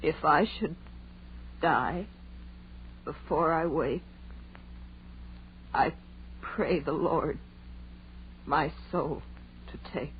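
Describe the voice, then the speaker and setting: A dull, slightly noisy vintage radio recording carries a guilt-ridden young woman in a horror drama. She speaks very slowly, sombre and resigned, with halting phrases. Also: sits low. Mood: subdued, hesitant. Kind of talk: old-time radio horror acting.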